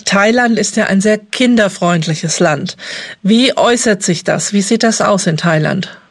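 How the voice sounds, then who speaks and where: A woman's voice: mid-range voice, unhurried, dry recording. A woman hosts a podcast interview and asks her questions in a friendly, casual way. The recording is dry and close, with no room sound.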